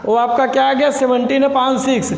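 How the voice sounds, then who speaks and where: A man's voice: very high-pitched, little pitch movement, moderate pace, gravelly. A young man teaching a maths lesson, explaining step by step and repeating key terms back as questions to his students. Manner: calls students "beta". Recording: echoey room with faint background noise.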